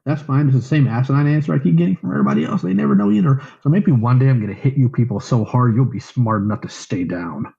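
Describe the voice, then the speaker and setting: A man moderates a heated voice call, firing off scolding, confrontational questions at a rapid clip. His tone is dark and mellow, and the voice chat audio sounds dull and lo-fi. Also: medium pitch, expressive, creaky.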